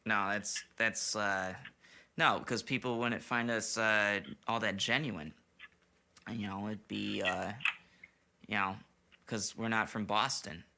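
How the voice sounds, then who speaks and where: Tipsy, rambling man with a bright voice. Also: lowish voice, steady tone, slow pace, creaky, a little hiss or hum. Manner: rambling and profane, many restarts. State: a little tipsy. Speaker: podcast host. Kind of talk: casual late-night phone chat. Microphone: studio microphone, monitored on headphones.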